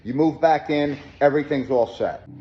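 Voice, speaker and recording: Upbeat New contractor man, slightly high. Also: normal speed, dull audio, a little hiss or hum. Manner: upbeat salesman, repeats key points. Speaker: home renovation contractor presenting his company. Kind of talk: promotional walkthrough pitch. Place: gutted house under renovation, indoors.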